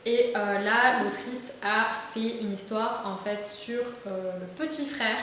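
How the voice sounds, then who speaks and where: Speaking slowly in a fairly high, slightly bright voice with fairly even intonation, a young book vlogger chats casually about her book haul. She's enthusiastic and full of fillers and restarts, and the room is very echoey with faint hiss.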